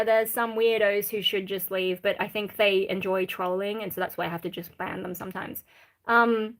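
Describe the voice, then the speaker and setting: A woman's voice: a little high, fairly bright tone. An Australian woman chatting casually on a livestream, reading out viewer questions in a blunt, irreverent, rambling way. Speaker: live streamer.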